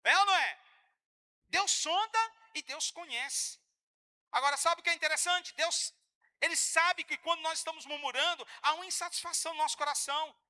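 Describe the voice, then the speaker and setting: A man preaching a sermon in church, animated and joking with the congregation, often acting out the voices of church members. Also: extremely high pitch, normal speed. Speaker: pastor.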